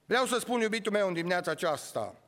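Male preacher, sermon, animated pitch, repeats phrases, reverberant hall. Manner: repeats phrases, swings from loud calls to low asides. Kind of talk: Easter sermon.

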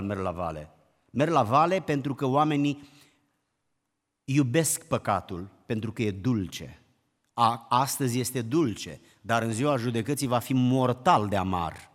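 In a hall with lingering reverb, a preacher delivers an emphatic sermon, building up to shouted exclamations and then falling back to a hushed tone.

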